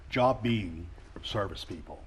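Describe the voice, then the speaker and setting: Male host, low voice, halting, filler-heavy, faint hiss. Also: lively intonation. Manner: halting, many fillers and restarts. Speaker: talk show host. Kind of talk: casual interview.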